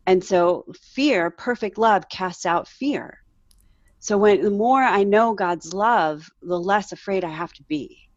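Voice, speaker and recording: A woman's voice: medium pitch, takes it slowly, no echo. A woman in her forties, a mother and guest, telling her faith story earnestly and with emotion. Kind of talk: candid faith interview. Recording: slightly dull, dry sound.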